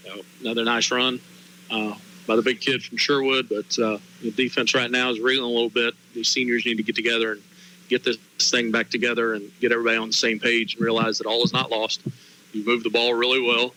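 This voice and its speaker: A man's voice: mid-range voice, level tone, brisk, pushed and bright, slight background noise, low-quality recording. A man giving conversational football analysis as color commentator on a live broadcast.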